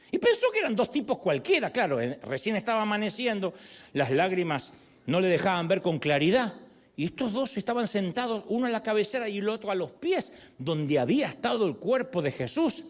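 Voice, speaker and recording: A male pastor with a high voice preaches a sermon, telling the story animatedly and acting out the people he quotes.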